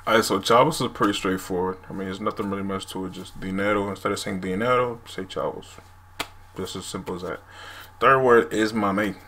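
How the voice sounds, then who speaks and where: Speaking a little fast with fairly even intonation, a man in his twenties explains words casually to his camera for a language video. His fairly low voice has a sharp tone, captured in a noisy recording from a small room at home.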